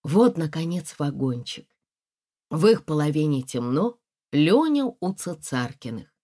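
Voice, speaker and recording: Lively, low-pitched woman narrator. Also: a little slow. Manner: expressive storytelling. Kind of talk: audiobook reading.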